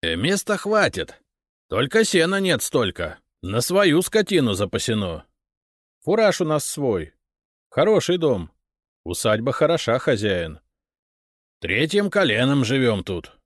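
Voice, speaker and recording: A man voicing a frightened middle-aged farmer and father who speaks hoarsely and pleads for his son. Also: medium pitch, very animated, measured pace, no echo, clean studio sound, voice pushed up. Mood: proud. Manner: pleading, anxious.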